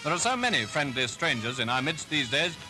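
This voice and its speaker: A man narrating a 1940s newsreel in a formal, measured announcer style, heard as old archive film sound. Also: a little high, very animated, poor audio. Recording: old newsreel with music underneath.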